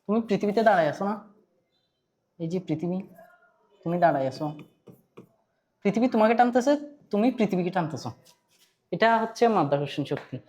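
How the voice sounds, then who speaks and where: Bangladeshi-accented physics tutor, chatty lecture, repeats and quizzes, mid pitch. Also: lively intonation, brisk, long pauses, a little mellow. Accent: Bangladeshi Bengali. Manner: conversational, quizzes students, repeats points, mixes in English terms. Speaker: physics teacher. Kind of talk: online class lecture.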